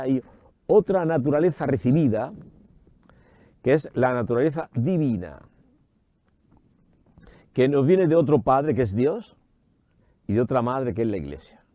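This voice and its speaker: A priest giving an animated radio sermon, raising his voice for emphasis and voicing imagined doubters higher. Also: no room sound, muffled recording. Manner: animated preaching with rising emphasis. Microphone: studio microphone.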